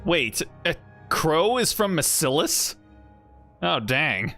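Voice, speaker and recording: A man's voice: fairly high pitch, sing-song, sharp tone, faint music behind. A young man streaming a game, reacting casually with crude jokes and reading bits of narration aloud. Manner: joking, crude, drawn-out asides.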